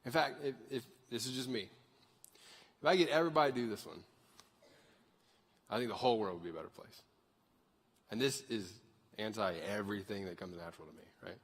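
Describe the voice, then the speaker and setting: Husky thirty-year-old preacher in a reverberant hall. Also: male voice, on the low side, fairly quick, long pauses. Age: 30s. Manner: conversational, asks the crowd for raised hands. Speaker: pastor. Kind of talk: sermon. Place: large church sanctuary.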